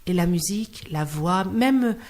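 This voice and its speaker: Speaking in a fairly low, unhurried voice, this interview guest from Clermont-Ferrand in France works as a singer in hospitals. Her talk is lively and full of anecdotes, and she performs the quoted dialogue as she tells each story.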